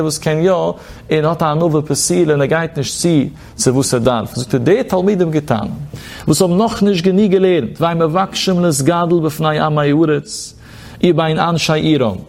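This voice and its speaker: A man's voice: fairly high pitch, creaky, darkish tone. A man teaching a religious legal text in a lecture, quoting short Hebrew phrases and then explaining each one in his own words.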